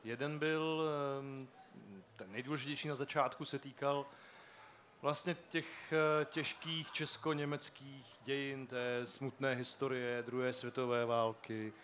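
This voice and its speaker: A foundation director on a festival panel, a man explaining in a measured way with frequent fillers on a shared handheld microphone. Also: medium pitch, little pitch movement, a bit bright, a little hiss or hum. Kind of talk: panel discussion answer. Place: outdoor street festival stage.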